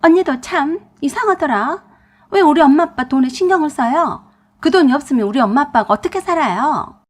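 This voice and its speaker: A woman's voice: on the high side, lively intonation, normal speed, a little mellow, slightly rough. A woman voicing a pushy young sister-in-law who whines and insists while asking for money, in a storybook narration. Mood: indignant. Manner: whiny, insistent pleading.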